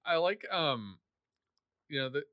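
Male co-host, casual chat, bright tone, dry close sound, loose rambling delivery. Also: a little high, animated, a little slow, no echo. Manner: rambling, many fillers and restarts. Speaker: podcast co-host discussing a novel.

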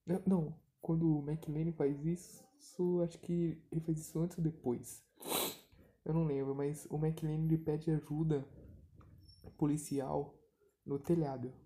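A man's voice: a little high, little pitch movement, a little slow, mellow. A man with a Brazilian Portuguese accent casually retelling a movie plot, rambling, slangy and swearing freely. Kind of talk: casual profane movie recap.

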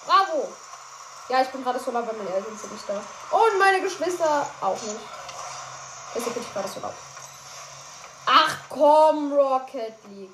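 Playing a game, this young woman gives light, playful commentary and often stumbles over what she's saying. She has a high-pitched, fairly bright voice, and the room is echoey with noise.

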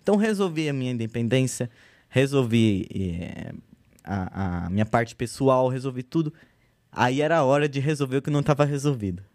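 A man in his thirties, a guest artist in a relaxed podcast chat, telling his story with slang and lively quoted speech. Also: mid-range voice, normal speed, no room sound. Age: 30s.

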